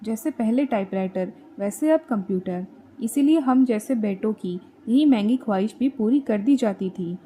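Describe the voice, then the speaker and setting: A woman's voice: on the high side, mellow. A woman narrating a comic coming-of-age story in a conversational, wry style. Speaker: audiobook narrator.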